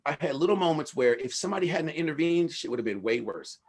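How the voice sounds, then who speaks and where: A man's voice: on the high side, expressive, fast talker, slightly rough. A middle-aged man from Los Angeles, a researcher speaking casually to an audience, telling candid life stories with slang and swearing.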